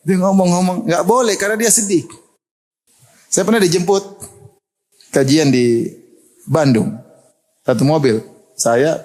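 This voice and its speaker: Animated joking Indonesian preacher man. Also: on the high side. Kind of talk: sermon.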